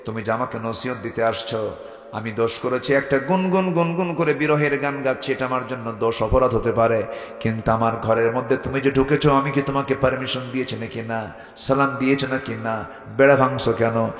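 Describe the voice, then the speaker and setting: A man preacher voicing a bold, indignant poor woman in a low scolding tone, in an echoey hall. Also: fairly quick, natural voice. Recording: echoey hall with faint music.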